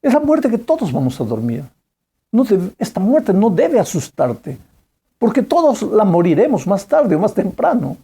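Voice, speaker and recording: A preacher giving a sermon, telling a story with lively emphasis, repeating phrases and asking the listener direct questions. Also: medium pitch, normal speed, slightly rough.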